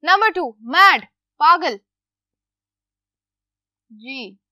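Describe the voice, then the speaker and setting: High bright woman teacher. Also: animated, very slow, no echo, clean studio sound. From Pakistan. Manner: patient, asks questions and answers them herself. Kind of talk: classroom lesson for children.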